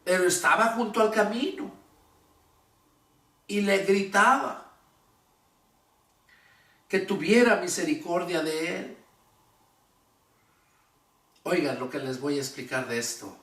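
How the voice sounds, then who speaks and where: A male pastor preaching a sermon, reading scripture and explaining it with slow, emphatic repetition of key words. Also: high voice, bright, forceful tone, far from the mic. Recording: echoey room, voice from afar.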